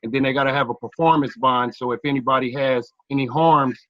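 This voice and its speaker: A man explaining things slowly on a group call, with halting restarts, and his line keeps cutting out. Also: mid-range voice, steady tone, no echo, lo-fi sound. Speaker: caller.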